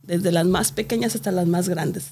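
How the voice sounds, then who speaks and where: A man with a high voice chats playfully on a podcast. He likes to drop folksy sayings into the conversation. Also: moderate pace, darkish tone, a little hiss or hum. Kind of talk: casual podcast chat.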